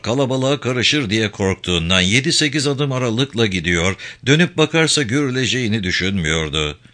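Expressive male audiobook narrator. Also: mid-range voice. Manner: expressive, storytelling.

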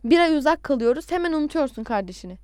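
A woman's voice: high voice, animated, rapid-fire, a little mellow, no room sound, voice pushed up. A woman reading the part of an adult man who pleads and insists on the phone, in an audiobook. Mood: insistent.

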